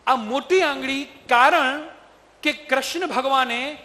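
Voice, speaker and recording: Addressing a group of students, a very high-voiced male motivational trainer takes his time, asking rhetorical questions and pressing the crowd to agree. His delivery is bright and forceful, echoing with long reverb from the hall.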